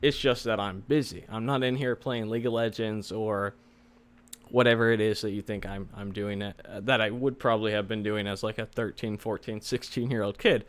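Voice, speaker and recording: A man's voice: lowish voice, steady tone, brisk. Man with slightly slurred, retainer-muffled speech. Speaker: host, software developer giving career advice. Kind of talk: casual advice vlog.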